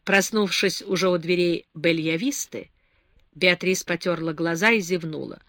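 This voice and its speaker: A woman narrating a novel in a calm storytelling voice. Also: lowish voice, normal speed, no echo, clean studio sound. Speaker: audiobook narrator. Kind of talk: scripted narration.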